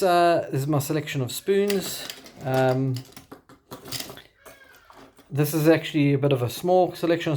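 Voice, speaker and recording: A man with a broad South African accent presents his gear as a kayak angler in a casual, unscripted show-and-tell, with halting, hesitant phrasing. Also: fairly high pitch, darkish tone.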